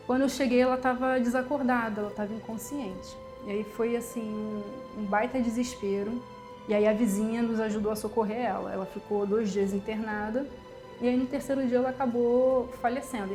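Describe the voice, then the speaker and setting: A woman tells her life story in a fairly high voice, earnest and conversational, tossing in little tag questions as she goes. Soft music plays quietly behind her. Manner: heartfelt storytelling, quotes family, tag questions like "sabe?" and "né?". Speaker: medical doctor telling her life story. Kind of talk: personal testimony.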